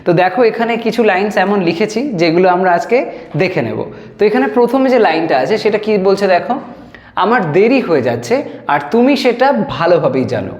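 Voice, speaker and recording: A man teaching a spoken English lesson, patiently explaining and repeating phrases slowly word by word. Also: high-pitched, very animated, muffled recording. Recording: echoey room with long reverb.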